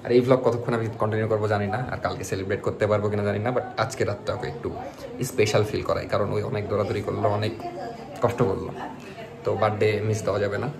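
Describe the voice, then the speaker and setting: A young man, chatting as he vlogs a birthday surprise, sometimes dropping to a hush. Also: lowish voice, flat delivery, gravelly, a crowd in the background. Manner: quick chatty, drops to a hush indoors. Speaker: vlogger. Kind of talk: casual vlog narration.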